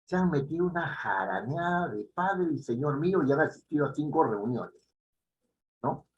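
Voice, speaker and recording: A male teacher lectures a class, his pitch rising and falling a lot and sitting somewhat high for a man. He repeats each key phrase and keeps checking in with tag questions. The classroom recording is dull and lo-fi. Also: expressive, normal speed. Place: classroom before students.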